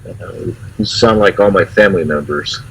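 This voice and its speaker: A man's voice: low voice, moderate pace, a bit bright, slight background noise, rough recording. A man who is a little under the weather, chatting casually with his students as an instructor. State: unwell. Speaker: instructor leading an online class.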